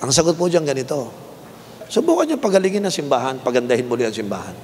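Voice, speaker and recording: A man in his fifties with a Filipino accent preaching a sermon as a bishop, his voice leaping higher on emphatic rhetorical questions. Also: big pitch swings, fast talker, darkish tone. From Philippines. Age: 50s. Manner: voice rises sharply in pitch for emphatic rhetorical questions. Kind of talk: sermon mixing Tagalog and English. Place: large indoor arena. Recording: reverberant arena, faint crowd noise.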